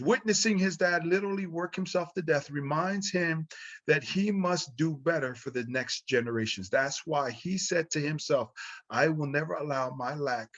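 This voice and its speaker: A man's voice: a little high, a bit bright, lo-fi sound. A man hosting a talk show, reading his guest's introduction and then interviewing him in an upbeat, emphatic way. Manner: upbeat, emphatic introduction with rising calls to the audience. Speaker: show host.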